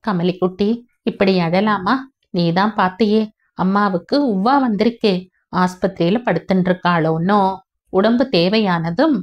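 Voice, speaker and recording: Woman playing a gentle coaxing aunt. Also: medium pitch, muffled recording, lightly acted. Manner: soft coaxing, affectionate baby talk. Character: gentle young aunt soothing a child.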